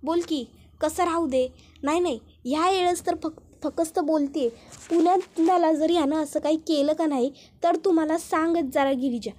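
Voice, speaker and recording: A woman's voice: sits high, normal speed, darkish tone, close to an everyday voice. Woman reading as scolding village auntie. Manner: scolding, blunt.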